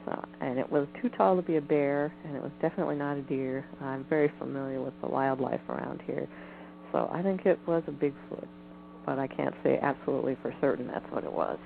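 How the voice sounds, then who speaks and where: A woman guest on a phone interview, speaking in a measured, hedging way with frequent ums. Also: very deep voice, creaky. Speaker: guest, Bigfoot researcher. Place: home in the woods. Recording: tinny phone line with faint hiss.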